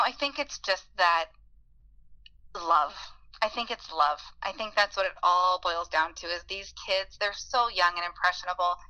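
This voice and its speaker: A woman's voice: fairly low pitch, bright, forceful tone, muffled recording. A woman in her forties, a beginning teacher, earnestly telling personal stories in an interview and acting out the voices she remembers. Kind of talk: heartfelt personal storytelling.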